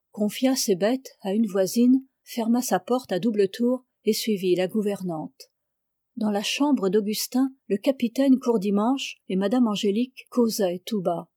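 A woman narrating a classic novel as an audiobook reader, in a calm, even, literary reading close to the mic. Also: mid-range voice, no echo.

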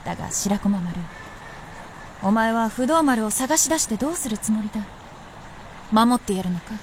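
Voicing an aloof, proud immortal princess in a Japanese period radio drama, a woman uses archaic, composed, lordly speech with a wry, unhurried air. Her tone is on the high side, expressive and a little mellow, near an everyday voice at normal speed, with a little hiss or hum.

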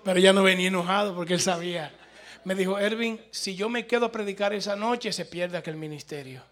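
A man's voice: high-pitched, fairly quick. A man preaching a sermon, telling a story and acting out the quoted voices, addressing the congregation directly. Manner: animated, swings between loud exclamations and hushed quoted speech.

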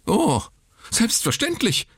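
A man putting on a shrill, hysterical young nurse. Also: wildly swooping pitch, slow pace, slightly rough, no echo, studio quality, exaggerated voice.

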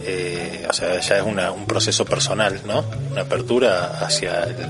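A man speaks haltingly about what radio means to him, pausing with fillers and restarting phrases. His voice is on the low side, with loud music behind. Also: fairly even intonation. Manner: hesitant, many fillers and restarts. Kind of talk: spontaneous testimony.

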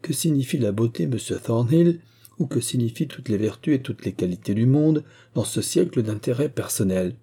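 Guy doing scheming vicar's wife mum, eager, coaxing, husky dark voice, audiobook. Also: medium pitch, lively intonation, moderate pace. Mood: earnest. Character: scheming middle-aged mother, vicar's wife. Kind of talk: audiobook reading.

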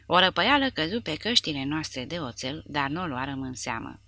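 Woman narrator for a war audiobook; low, bright, dramatic reading. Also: very animated, no room sound. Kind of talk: scripted narration.

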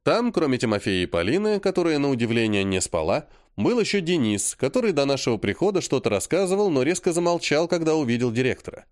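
A man's voice: mid-range voice, sing-song, quick pace, hardly any pauses, no room sound. A man reading a first-person audiobook in a dry, matter-of-fact manner. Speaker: audiobook narrator.

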